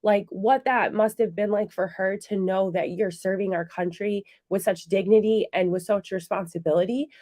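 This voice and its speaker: A woman hosting a college radio interview, enthusiastic and animated, with many fillers and "like"s. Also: mid-range voice, moderate pace, few pauses. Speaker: radio show host. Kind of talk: conversational interview.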